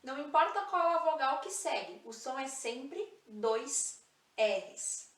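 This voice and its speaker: High, slow woman teaching in an echoey room. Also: expressive, distant mic. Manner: slow, clear, spells out sounds and repeats example words. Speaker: Spanish teacher. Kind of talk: online language lesson.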